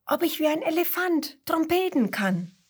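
A woman's voice: sits high, very animated, moderate pace, pitched above the performer's own voice. A woman voicing a cheerful, clumsy kangaroo in a children's story, speaking in a playful, sing-song way. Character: cheerful, clumsy female kangaroo, noisy but kind.

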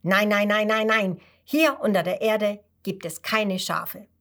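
A woman's voice: medium pitch, fairly even intonation, unhurried, fairly bright tone, natural voice. A woman voicing a small grumpy mole who talks in a cross, huffy way. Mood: amused.

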